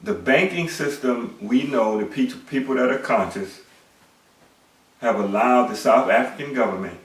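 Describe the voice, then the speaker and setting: A middle-aged male commentator gives an emphatic lecture-style monologue, repeating words and asking rhetorical questions. His voice sits at a medium pitch and moves at a moderate pace. He is away from the mic in an echoey room.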